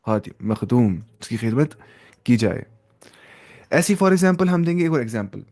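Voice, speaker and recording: A man's voice: mid-range voice, very animated, unhurried, a little mellow. Young guy teaching arabic grammar, keeps quizzing the class, drops english words in. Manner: explains step by step and quizzes students with questions; mixes English terms into his explanations.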